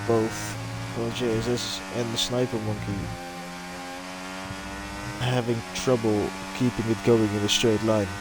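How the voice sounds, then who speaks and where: A man's voice: on the low side, level tone, unhurried, heavy background noise. A man casually commentating a live sim racing stream and chatting with viewers. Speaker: race commentator.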